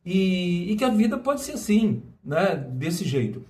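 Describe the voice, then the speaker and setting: A man's voice: sits high, very animated, measured pace, darkish tone. A middle-aged Brazilian man talking casually to camera, rambling with many restarts and tag questions. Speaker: vlogger. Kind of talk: casual personal monologue.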